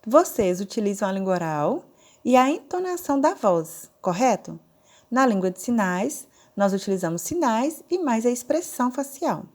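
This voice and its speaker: A woman with a Brazilian Portuguese accent teaching a recorded online lesson, explaining slowly and step by step. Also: fairly high pitch, very animated, darkish tone. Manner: slow, deliberate, explaining step by step. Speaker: sign language teacher.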